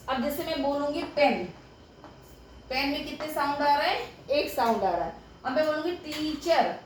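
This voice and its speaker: Young teacher lady, high voice, explaining at the board bit by bit, roomy echo, faint hiss. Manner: explains step by step, often checks with "ठीक है". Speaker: English grammar teacher. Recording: echoey room with faint background noise.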